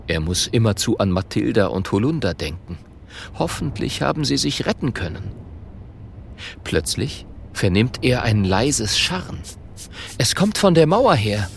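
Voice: medium pitch, unhurried, creaky, a little hiss or hum. Ein ausdrucksvoller Erzähler, der einem Kind eine Geschichte vorliest. Er lässt sich Zeit, bewegt die Stimme weit auf und ab, mit einem leicht rauen, knarrenden Unterton. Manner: expressive, storytelling. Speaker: audiobook narrator. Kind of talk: scripted children's story narration.

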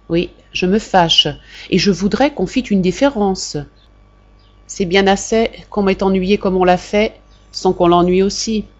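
Woman, audiobook narration, measured expressive reading, mid-pitched voice, dull lo-fi recording. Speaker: audiobook reader. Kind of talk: scripted narration.

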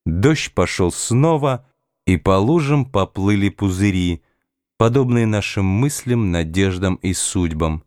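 A man reading a novel aloud in the first person, in a measured, calm literary narration. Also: lowish voice, no echo, studio quality. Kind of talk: audiobook narration.

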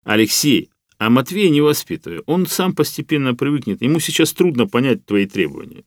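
A man's voice: medium pitch, very animated, no room sound, studio quality, pitched above the performer's own voice. A man doing a kindly older professor. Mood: measured. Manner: measured, reassuring, explanatory.

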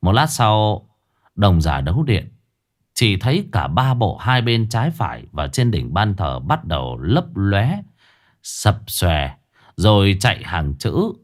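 Animated male storyteller. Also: on the low side, takes it slowly. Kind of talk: comic folk story narration.

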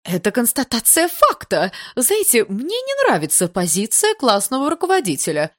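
A woman voicing a haughty, furious middle-aged mother who screams insults in a high, loud voice. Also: huge pitch swings, moderate pace. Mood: indignant. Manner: screeching, contemptuous, insulting.

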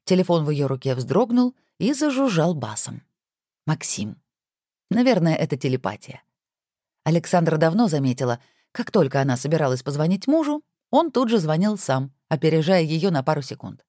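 Low, expressive woman narrating. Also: normal speed, dry recording, studio quality. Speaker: audiobook narrator. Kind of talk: audiobook narration.

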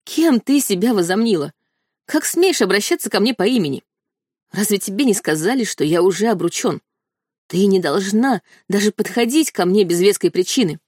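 A woman's voice: medium pitch, expressive, moderate pace, darkish tone, no room sound, close to an everyday voice. Woman reading a cold mean prince, snapping and sneering, dry sound. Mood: angry. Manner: harsh, scornful, barking. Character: cold, contemptuous young male prince.

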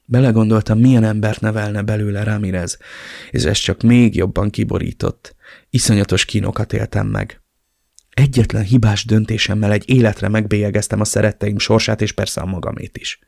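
A man reads a novel aloud in the first person, with dramatic, emotional delivery. His voice sits low and has a gravelly edge. The recording is dry and close. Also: level tone, darkish tone, dry recording. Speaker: audiobook narrator.

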